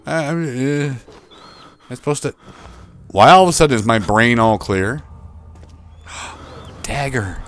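A man's voice: medium pitch, takes it slowly, pauses often, fairly bright tone. A young man commentating a horror game he is playing, swearing often and yelping in panic when monsters appear. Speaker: game streamer.

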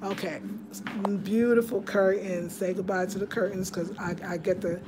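Woman rambling excitedly on a home tour vlog, phone cam, noisy room. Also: mid-range voice, moderate pace. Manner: chatty, excitable, addresses viewers as y'all. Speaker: home decor vlogger. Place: small room of a house indoors. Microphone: handheld phone camera.

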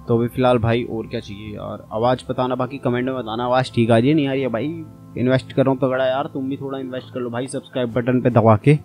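A man's voice: mid-range voice, level tone, fast, few pauses, darkish tone, soft background music. Chatty man narrating gameplay. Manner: chatty, addresses viewers as brother. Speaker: gaming channel host. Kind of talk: casual gameplay commentary.

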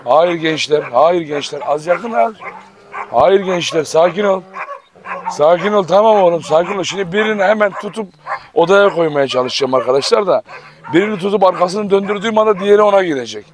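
A man filming a casual vlog, talking to viewers while firmly telling his dogs to calm down. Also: sits high, fairly quick. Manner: tense, repeatedly commanding dogs to calm down. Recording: loud background noise with barking dogs. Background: dogs barking and growling.

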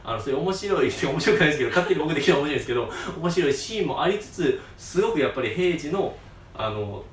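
関西なまりの若い男性ホストが、場面を声色で演じながら笑い混じりにくだけた調子で作品愛を語る。. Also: male voice, a little high, fast talker, a little hiss or hum. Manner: excitable, acts out scenes in voices, laughs often. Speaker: host. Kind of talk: casual fan talk. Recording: roomy echo, distant mic.

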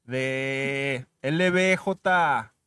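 A man's voice: mid-range voice, extremely slow, a bit bright, clear, resonant tone, no room sound. A male podcast host with a Mexican accent, bantering casually with slangy jokes. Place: indoor studio set.

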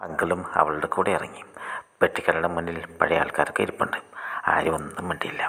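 A man reads a scripted short story in a deep, husky voice that has a bright edge. His reading is brisk and flat, and he often slips into a breathy half-whisper.

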